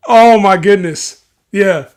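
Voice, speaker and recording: A man's voice: sits high, takes it slowly, clear, resonant tone. A man co-hosting a casual sports betting livestream, laughing often and teasing his partner. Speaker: livestream co-host.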